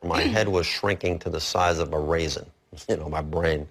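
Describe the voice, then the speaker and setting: A man's voice: low-pitched, steady tone, moderate pace. A father in an interview, casually recounting a moment with his son in a wry, understated way.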